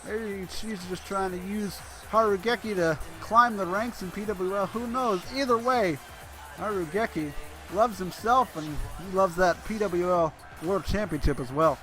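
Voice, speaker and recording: A high, bright male voice calls a wrestling card with runaway excitement, fumbling names and hastily correcting himself. Faint entrance music hums behind him. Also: measured pace. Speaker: play-by-play commentator. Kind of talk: wrestling commentary.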